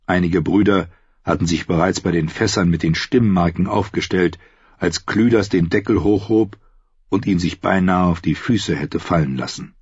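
A man narrating a fantasy story in a steady storytelling manner. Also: low voice, moderate pace, slightly rough, no room sound, dull audio. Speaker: audiobook narrator.

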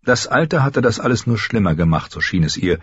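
Husky low-voiced male audiobook narrator. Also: fairly quick, dry recording, highs cut off. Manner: expressive, voices every character. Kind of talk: scripted narration.

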